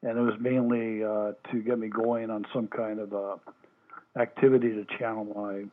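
A man's voice: lowish voice, level tone, normal speed. An older man from Hawaii, a former Olympic swimmer, answering oral history questions over the phone, hesitant with many fillers and restarts. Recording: tinny phone line.

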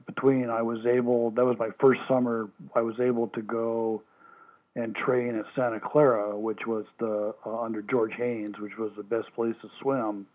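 Over a tinny phone line, an older man from Hawaii, once an Olympic swimmer, answers oral history questions in a mid-range voice. He sounds hesitant, with many fillers and restarts.

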